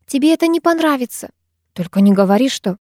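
A bubbly, naive teenage schoolgirl, as a woman voices her in a storybook. She chirps in a ringing, sing-song way over a mellow base tone. The recording is dry and close. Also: sits high, expressive, fast talker, dry recording, voice pushed up. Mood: chirpy.

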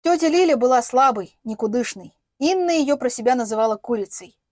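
Woman narrating an audiobook, fairly high voice. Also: expressive, a little fast, a little mellow, dry recording, studio quality.

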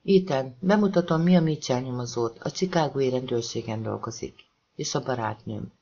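A man's voice: mid-range voice, vocal fry, a little mellow, highs cut off, slight background noise, lightly acted. A man voicing a shaken young woman who runs a shelter, speaking with a trembling urgency.

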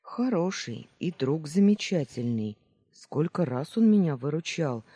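A kindly, reserved middle-aged man who helps his young friend, heard in an audiobook. He speaks softly and a little hesitantly, with a husky, mellow tone in a dry close sound, as the narrator puts him on. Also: mid-range voice, lively intonation, a little slow, dry recording. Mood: embarrassed. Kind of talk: audiobook character voice.

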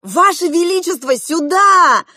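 A woman reading aloud, voicing an excited, headstrong eleven-year-old girl in high, loud exclamations. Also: measured pace, no room sound, clean studio sound.

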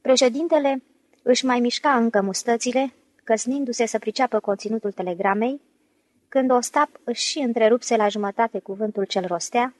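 Higher-voiced woman reading an audiobook. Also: no echo, low-quality recording. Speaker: audiobook narrator. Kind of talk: scripted narration of a novel.

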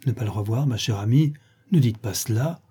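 Brief: a man doing a flighty, effusive young lady in a storybook, raised pitch, dark husky tone. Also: fairly quick. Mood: gushing. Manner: effusive, exaggerated, gossipy. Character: gushing, flattering young woman friend. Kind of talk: audiobook reading.

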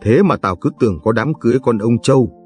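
A man reading aloud, voicing a frail, deaf, half-blind old village man who talks slowly and sounds puzzled. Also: medium pitch, lively intonation, a little mellow, soft background music, natural voice. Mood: chatty. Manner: slow and puzzled.

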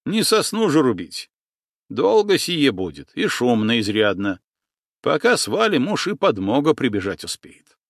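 A man's voice: medium pitch, very animated, a little slow, dry recording, studio quality, pitched above the performer's own voice. A man voicing a skeptical, practical male helmsman in an audiobook, raising objections. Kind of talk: audiobook character voice.

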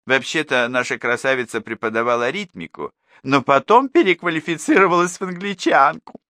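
A man's voice: medium pitch, expressive, fairly quick, bright, forceful tone, dry recording, clean studio sound, voice pushed up. A man voicing a friendly, chatty middle-aged mother who gossips with her neighbour. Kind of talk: audiobook character voice.

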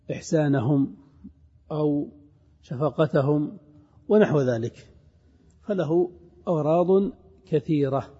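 A man teaching a classroom grammar lesson, drawing out recited verses and examples slowly and with emphasis, and calling on his students. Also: on the high side, dark tone, breathy edge. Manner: addresses students directly. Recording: reverberant hall, dull lo-fi sound.

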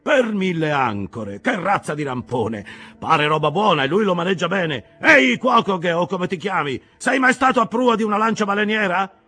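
A man voicing a gruff old whaling captain with a harsh, loud, shouting manner. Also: lively intonation, normal speed, heavily acted. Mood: booming. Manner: booming, exclamatory.

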